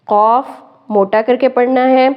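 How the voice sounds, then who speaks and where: Smooth-voiced woman teaching slow recitation. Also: on the high side, steady tone. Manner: slow, deliberate, drawing out each word; patient step-by-step explaining. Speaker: Quran teacher. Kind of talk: word-by-word Quran recitation lesson. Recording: muffled lo-fi recording.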